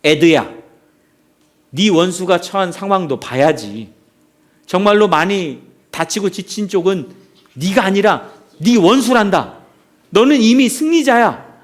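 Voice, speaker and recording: A man's voice: sits high, lively intonation, unhurried, pauses often. A male preacher voicing God, tender and fatherly. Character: gentle, reassuring voice of God speaking to a weary pastor.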